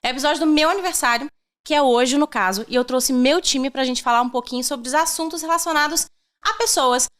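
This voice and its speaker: A woman's voice: high voice, a little fast, fairly bright tone. A young woman hosting a casual podcast chat, upbeat and friendly, laughing often. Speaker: podcast host. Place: studio.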